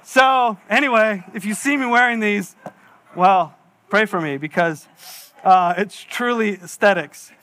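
A pastor in his forties giving a sermon, with a high and bright voice. He talks in a chatty, self-mocking way and tells stories with acted-out asides. It is a man speaking to his congregation in a church. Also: measured pace. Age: 40s. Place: church hall.

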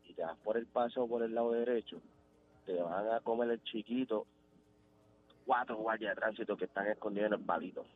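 A Puerto Rican man calls in to a radio show with a laid-back, joking manner. His voice is low. It comes through a thin phone line. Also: brisk, soft background music. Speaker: caller. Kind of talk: casual radio phone-in chat.

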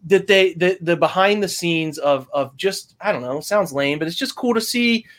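A man's voice: high voice, normal speed, fairly bright tone. A man co-hosting a casual sports podcast, talking with enthusiasm and many restarts. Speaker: podcast co-host.

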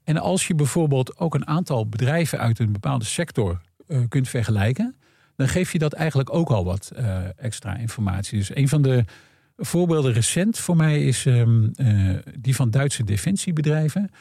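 A male guest analyst explains earnings calls in a conversational, expert way, acting out snippets of imagined dialogue as he talks. His mid-range voice is animated, mellow, and husky at a normal speed. The studio-quality recording has no echo.

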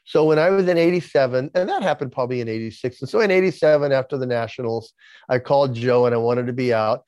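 A man in his sixties with a mid-range, darkish voice speaks quickly as a podcast guest, openly recounting his life story. He has a lisp and often repeats words when starting a sentence. The recording is dry, with no room sound.

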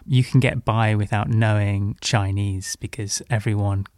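On a podcast with studio-quality, echo-free sound, a young man who grew up in Hong Kong shares an amusing story from his own life. His fairly low voice is unhurried, candid and self-mocking, becoming lively in the recollections.

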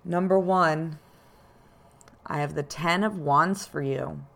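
Slow-talking, low-pitched woman podcast host. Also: vocal fry, fairly bright tone. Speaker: podcast host and card reader. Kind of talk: informal spoken explanation to listeners.

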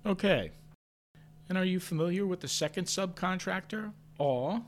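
A man narrating a story in first person with a measured, understated delivery, lifting sharply when his character asks questions. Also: high voice, animated, a little hiss or hum. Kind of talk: audio drama narration.

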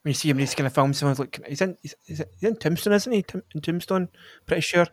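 A man's voice: on the high side, fast, dry recording, clean studio sound. A man, chatting casually about films as a podcast co-host, rambling with lots of fillers and restarts. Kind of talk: casual film chat.

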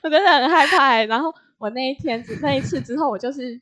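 A young woman casually telling a story about work, animated, laughing often and acting out what others said. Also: sits high, quick pace, a crowd in the background. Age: young adult.

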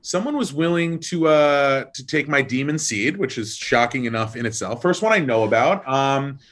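A man in his thirties talking casually in an interview about his wine brand work, swearing often, rambling with lots of likes and ums, and jumping up in pitch for emphasis. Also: moderate pace. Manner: animated, jumps up in pitch for emphasis.

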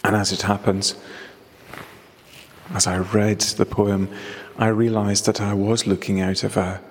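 A man speaking reflectively and reciting in a measured, literary way, in a stone chapel with a big hall echo. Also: lowish voice, little pitch movement, a little hiss or hum. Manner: measured, contemplative, literary phrasing. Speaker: poet and guide reading his own poem. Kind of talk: reflective storytelling and poetry reading. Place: small stone chapel with open door.

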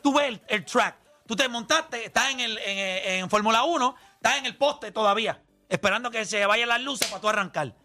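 Insistent high-voiced man arguing sports. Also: normal speed, sharp tone, soft background music. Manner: insistent, talks over others, explains with long analogies. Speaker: podcast co-host. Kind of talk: heated sports debate.

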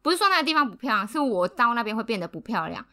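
A young adult woman telling a story in a casual podcast chat, animated, laughing often and acting out what people said. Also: on the high side, very fast. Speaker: podcast co-host.

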